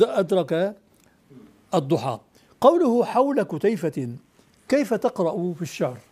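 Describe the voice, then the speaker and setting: A man with a notably high voice teaches a class on classical poetry. He fires questions at his students, then explains the rule firmly and recites the verses slowly and deliberately. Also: darkish tone.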